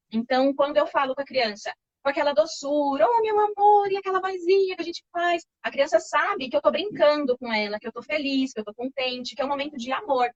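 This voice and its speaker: A woman, calmly explaining baby development as an interview guest, reassuring and patient, often checking in with tag questions. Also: high voice, no room sound. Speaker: child development expert guest. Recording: slightly muffled lo-fi recording.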